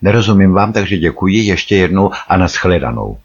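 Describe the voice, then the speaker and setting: A man voicing a curt, hurried young woman guide in an audiobook. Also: low-pitched, animated, slightly rough, lo-fi sound, heavily acted.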